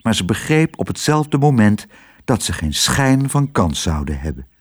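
A man reading a children's storybook aloud with expressive, lively narration. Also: fairly low pitch, normal speed, breathy edge.

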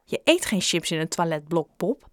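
A woman's voice: on the low side, very animated, moderate pace, no echo, studio quality. A woman doing a curt, angry schoolboy. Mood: irritated. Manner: curt and snapping. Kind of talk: audiobook character voice.

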